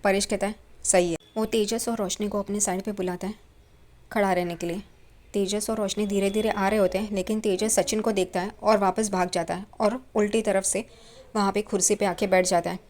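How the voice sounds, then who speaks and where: A woman narrating a recap of a TV serial episode in a plain, steady storytelling manner. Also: medium pitch, a little fast. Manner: plain storytelling, frequent "yahan pe".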